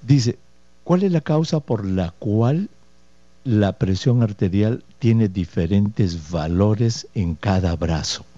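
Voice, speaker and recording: Dark-voiced male radio doctor. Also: on the low side, lively intonation, slow pace, no room sound. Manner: explanatory, rhetorical questions and tag checks; folksy diminutives and patient repetition. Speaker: radio doctor host answering listener questions. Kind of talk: radio health call-in advice. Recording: dull, dry lo-fi radio studio audio.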